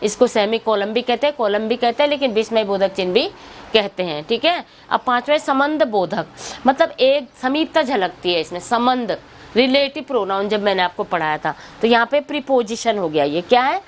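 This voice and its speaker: A woman's voice: a little high, lively intonation, moderate pace, a little hiss or hum. A woman teaching a Hindi grammar lesson for exam preparation, explaining with everyday example sentences and asking and answering her own questions.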